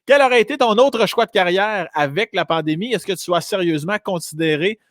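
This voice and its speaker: A man's voice: sits high, brisk, a bit bright, no room sound, clean studio sound. A man with a Québécois accent hosting a talk show, joking and teasing his guest. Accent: Québécois French. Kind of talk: casual chat.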